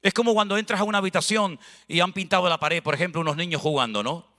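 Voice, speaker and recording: A man from Spain, a pastor preaching an animated sermon with chatty asides, recorded in a church hall. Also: high-pitched, fast talker. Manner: animated, preaching with conversational asides and acted dialogue. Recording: long hall reverb.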